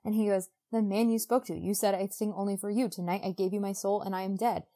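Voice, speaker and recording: A woman co-hosting a podcast recaps a book casually, acting out dialogue in informal modern slang. She talks at a quick pace in a warm, steady, medium-pitched voice.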